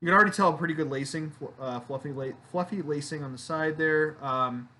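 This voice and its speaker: A man's voice: on the high side, brisk, bright, forceful tone. A man hosting his own beer review channel, chatting casually to the camera with fillers and self-deprecating asides.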